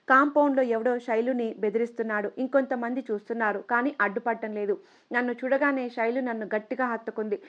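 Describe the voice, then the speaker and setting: Woman reading a story out loud, steady, kinda high voice, dull lo-fi audio. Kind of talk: first-person story narration.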